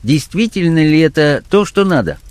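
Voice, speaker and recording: A man's voice: a little high, big pitch swings, moderate pace, darkish tone, clear, resonant tone, dry recording, pitched above the performer's own voice. Milverton, a man doing a raised sneering blackmailer. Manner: sneering, condescending. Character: smug, menacing middle-aged male blackmailer. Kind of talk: audiobook character voice.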